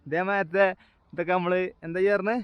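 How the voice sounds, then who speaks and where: A man with a Malayali accent chats casually and excitedly to viewers, repeating phrases and mixing Malayalam with English slang. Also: high-pitched, fast, clean tone, muffled recording. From Kerala, India. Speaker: travel vlogger. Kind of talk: casual vlog chat to viewers. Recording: noisy outdoor ambience with vehicle sounds. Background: outdoor ambience, vehicle noise.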